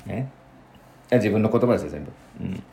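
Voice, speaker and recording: Animated rambling young man, low voice. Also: normal speed, vocal fry, slight background noise. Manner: rambling, animated, with many fillers and rising bursts. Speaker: podcast host. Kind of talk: casual solo chat.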